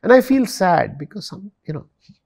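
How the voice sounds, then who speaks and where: A man's voice: high-pitched, sing-song, moderate pace, vocal fry, a little mellow, breathy edge. A man in his fifties with an Indian English accent, a guest speaking earnestly and emotionally in a studio interview, slipping into Hindi now and then. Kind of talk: reflective interview conversation. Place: studio set with sofas.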